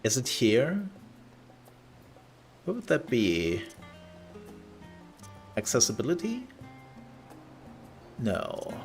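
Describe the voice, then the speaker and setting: A man's voice: mid-range voice, wildly swooping pitch, drawn-out words, long pauses, soft background music. A man giving casual live gaming commentary, rambling and thinking aloud as he plays. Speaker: livestreamer.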